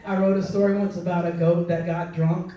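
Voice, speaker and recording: Hosting a storytelling slam in front of a live audience, this woman keeps poking fun at herself and laughs often. She talks fairly quickly in a low, flat voice. Recorded from a distant mic in an echoey room, the audio has its highs cut off and carries background noise from the audience.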